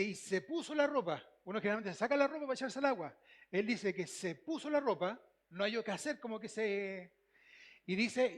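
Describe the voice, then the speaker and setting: Un pastor con acento chileno que predica con énfasis, repitiendo frases y haciendo preguntas a la congregación. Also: male voice, high-pitched. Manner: emphatic, repeats phrases, asks the congregation questions. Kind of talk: sermon.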